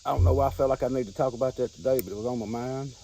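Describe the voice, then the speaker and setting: A man's voice: mid-range voice, steady tone, rapid-fire, mellow. A man with a Southern American accent talks casually and off the cuff like a hobby vlogger, in a folksy, rambling way that circles back and repeats itself. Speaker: pipe-smoking hobbyist video host. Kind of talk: casual unscripted vlog talk. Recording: outdoor recording with clear insect noise.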